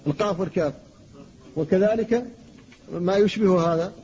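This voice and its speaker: High-voiced man teaching a lecture. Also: darkish tone, long reverb tail. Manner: slow, deliberate demonstrations of pronunciation. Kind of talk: classroom lecture. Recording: dull lo-fi recording with faint noise.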